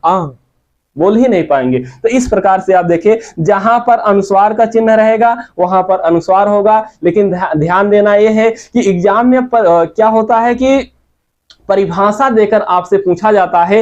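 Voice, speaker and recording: High-voiced Hindi-accented man teaching grammar. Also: a little mellow. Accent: Hindi, eastern Uttar Pradesh. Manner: repeats example words slowly, quizzes students with questions. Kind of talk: grammar lesson. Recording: muffled lo-fi sound.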